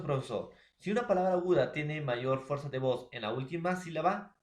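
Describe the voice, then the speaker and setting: A man teaching a grammar lesson, explaining step by step and checking often with his listeners. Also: on the high side. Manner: explains step by step, calls the listeners "profesor" and "jóvenes". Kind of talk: classroom lesson. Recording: echoey room.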